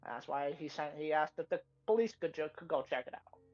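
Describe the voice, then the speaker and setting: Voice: mid-range voice, lively intonation, a little fast, a little mellow, lo-fi sound. A tabletop role-play player thinking aloud, rambling through theories in character.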